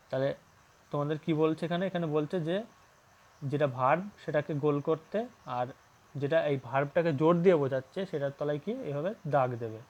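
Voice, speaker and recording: A fairly high-voiced man is teaching English grammar. He reads each English sentence out deliberately and then walks the class through it with patient rhetorical questions. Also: darkish tone. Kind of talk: English grammar lesson in Bengali.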